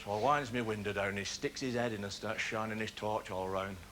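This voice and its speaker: A male stand-up comedian, telling a story in a wry, deadpan way. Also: on the low side, fairly quick, background noise. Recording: live stage mic, loud crowd laughter.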